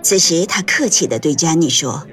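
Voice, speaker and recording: A woman reading an audiobook aloud in gentle, measured scripted narration. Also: low-pitched, expressive.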